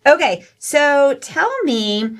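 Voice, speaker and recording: A woman's voice: high-pitched, lively intonation, takes it slowly. A middle-aged woman hosting an interview, conversational and affirming. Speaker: podcast host.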